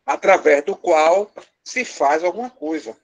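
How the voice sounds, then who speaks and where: A man's voice: fairly high pitch, measured pace, highs cut off. Brazilian man teaching a class. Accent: Brazilian Portuguese. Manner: explains step by step, quizzing students with questions; lightly teasing, joking with the class. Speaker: language teacher. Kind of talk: live class lesson.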